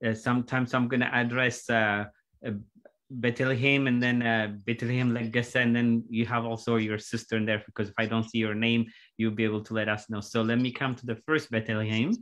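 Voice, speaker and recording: A man's voice: medium pitch, little pitch movement, brisk, a bit bright. Man hosting a video-call talk show. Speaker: show host. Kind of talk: casual video-call interview.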